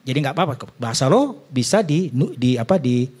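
A middle-aged man preaching a sermon as a pastor, animated, with joking asides and rising exclamations to the congregation. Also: medium pitch, fairly quick. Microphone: addressing a congregation and viewers.

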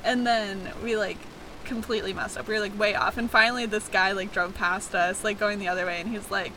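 Young American female podcast co-host, bright-toned, chatty and informal, swapping trip stories in a car. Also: medium pitch, fairly even intonation, a little fast, a little hiss or hum, rough recording. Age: young adult. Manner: giggly, informal, filler-heavy. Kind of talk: casual chat, telling travel stories. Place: inside a parked car.

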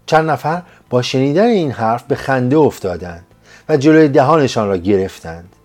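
A man narrating a serialized story as a scripted audiobook, reading in a slow, measured way. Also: medium pitch, expressive, darkish tone. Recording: faint music behind.

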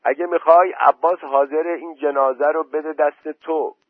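A man's voice: on the high side, steady tone, dry recording, voice pushed up, natural voice. A man voicing a hostile villager who mocks and demands, recorded dry through a phone-like line. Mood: scornful. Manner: mocking, scornful.

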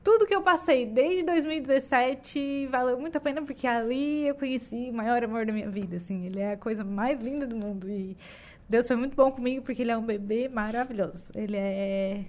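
A young woman from southern Brazil telling her birth story in casual chat, animated and often laughing. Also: a little high, fairly quick.

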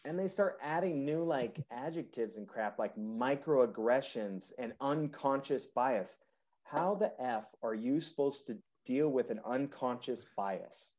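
Guy rambling on his podcast, lots of likes, middle pitch, pretty animated. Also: measured pace. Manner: rambling, animated, frequent "like" fillers. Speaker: podcast host. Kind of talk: casual political chat.

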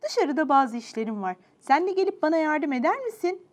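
A woman voicing a kind, cheerful mother in a children's story, speaking gently and a little higher. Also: very animated, a little fast. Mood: gentle.

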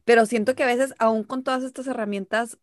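A woman's voice: on the high side, steady tone, brisk, no room sound. Woman host, dry close sound. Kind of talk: casual chat.

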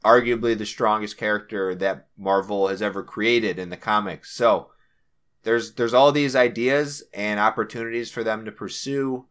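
Young male podcast co-host, low and bright-edged voice, chatty and rambling. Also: normal speed. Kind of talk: casual chat.

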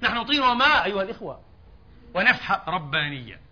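A man's voice: high voice, big pitch swings, fast, pushed and bright. A man preaching an impassioned sermon in a mosque, asking his congregation rhetorical questions. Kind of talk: Friday sermon. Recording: dull lo-fi sermon recording.

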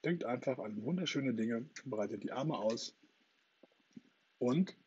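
A husky man voicing a boastful, playful boy in a storybook reading, talking in a lively, triumphant way, on a dull lo-fi recording. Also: medium pitch, slow. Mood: cheery. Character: boastful playful boy who never grows up.

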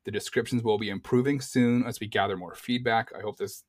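Male podcast co-host, low voice, dry close recording. Easygoing, reads posts aloud. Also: steady tone, a little fast, no room sound. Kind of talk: casual chat.

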